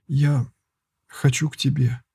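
A lovesick young girl who pleads with trembling urgency, as a male audiobook reader puts her on. The voice is lifted higher but stays dark and breathy underneath. It is recorded close and dry, with no room sound. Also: steady tone, slow, no echo, full character voice. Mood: frightened. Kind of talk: audiobook character reading.

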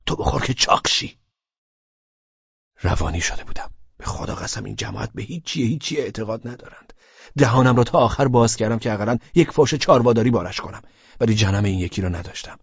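Husky low-voiced male audiobook narrator. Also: lively intonation, no room sound, muffled recording. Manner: wry, colloquial storytelling. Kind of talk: first-person audiobook narration.

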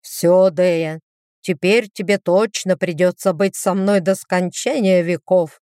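Woman doing a slow, drawling demon lover. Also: lowish voice, fairly even intonation, warm tone, dry recording, studio quality. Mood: smug. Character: smug, teasing male demon lover.

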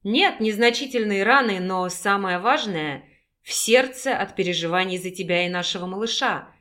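A tender, caring young husband who speaks softly, a little lower than the reader's own voice, as a woman reading the story puts him on. Plain audiobook narration with no added effects. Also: normal speed, close to an everyday voice. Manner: soft, tender and low.

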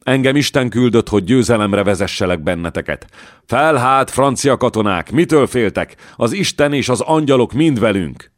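A man voicing a defiant young peasant warrior maiden who shouts rousing battle cries. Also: deep voice, expressive, no echo, studio quality.

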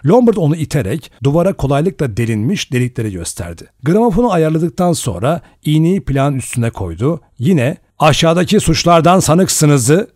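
Male audiobook narrator, measured delivery, lively intonation. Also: a little high, no echo, studio quality. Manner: measured, expressive storytelling. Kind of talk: scripted narration.

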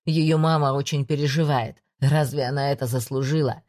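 Woman doing a male detective, calm, patient, persuasive, low dark voice, audiobook. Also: normal speed. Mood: coaxing. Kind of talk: audiobook reading.

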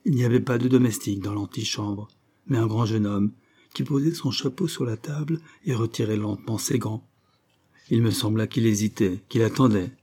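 Mellow, husky male audiobook narrator. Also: on the low side. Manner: measured, expressive reading. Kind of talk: scripted narration.

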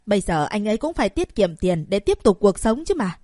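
A dutiful young wife, read by a woman, pleads and placates in an ordinary mid-range voice. She sounds anxious and eager to smooth things over. The recording is close and dry. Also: medium pitch, big pitch swings, a little fast, dark tone, dry recording. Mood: placating. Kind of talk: audiobook character voice.

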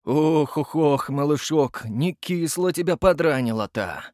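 A man's voice: a little high, animated, measured pace, dry recording, studio quality. A man voicing a stooped, folksy middle-aged medic who fusses and calls out. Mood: fussing. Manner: folksy, fussing, shouting.

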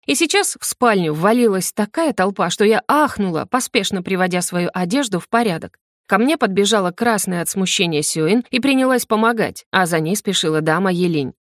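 A woman narrating a first-person audiobook with an ironic, lively manner. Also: mid-range voice, dry recording, clean studio sound.

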